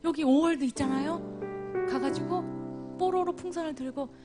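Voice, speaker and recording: A woman telling her life story as a church testimony, moving from loud exclamations to near whispers. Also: high voice, normal speed. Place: church service. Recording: music playing clearly behind her voice. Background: instrumental music.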